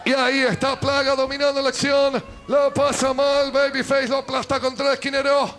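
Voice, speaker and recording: A man with an Argentine accent calling live wrestling as an excited, emphatic play-by-play commentator who repeats his phrases. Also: very high-pitched. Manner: emphatic, repeats phrases, drawn-out exclamations at big moves. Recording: loud crowd and arena noise. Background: wrestling crowd in small indoor arena.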